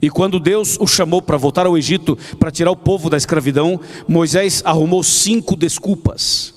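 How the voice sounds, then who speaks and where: Brief: pastor, chatty storytelling sermon full of rhetorical questions, slightly high voice, long hall reverb. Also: male voice, moderate pace. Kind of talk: evening prayer sermon.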